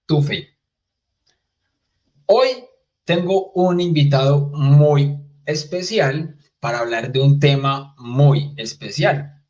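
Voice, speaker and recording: A man's voice: a little high, a little mellow. Devout male host of a faith channel. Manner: formal, devout greeting. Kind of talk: welcoming interview introduction.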